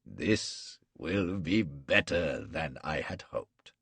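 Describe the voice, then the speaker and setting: In a storybook reading, a man voices a cold, mocking, cruel warlord with a very deep, gravelly voice, husky at the edges and a bit bright. He delivers menacing threats slowly and gloatingly, in an animated, exaggerated way. The sound is dry, close, and echo-free.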